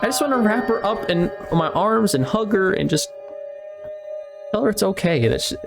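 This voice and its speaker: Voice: medium pitch, lively intonation, normal speed, gravelly, music in the background. A gamer commenting casually and emotionally while playing, talking to the characters and rambling along. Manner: emotional, talks to the game characters; chatty and rambling. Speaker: let's play gamer.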